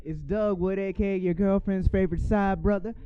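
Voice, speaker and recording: A man's voice: high voice, fairly even intonation, a little fast, smooth, no room sound. A man co-hosting a casual podcast, boastful and joking as he reels off nicknames. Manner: boastful, jokey nickname brags. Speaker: podcast co-host. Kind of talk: casual chat. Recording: dry, slightly dull mic.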